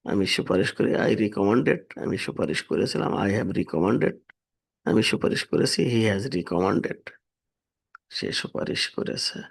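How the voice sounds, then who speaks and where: A man's voice: fairly low pitch, expressive, unhurried, vocal fry, breathy edge. A man teaching English vocabulary, steadily reading verb forms and their meanings. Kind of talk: vocabulary lesson, reading word lists with translations.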